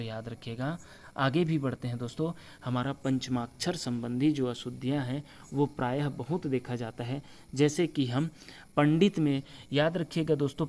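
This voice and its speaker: A man teaching a spelling lesson over slides, slowly spelling out letters and often reminding viewers to remember. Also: medium pitch, a little mellow. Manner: repeats the word for friends and reminds viewers to remember; slow deliberate spelling-out of letters. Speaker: Hindi teacher.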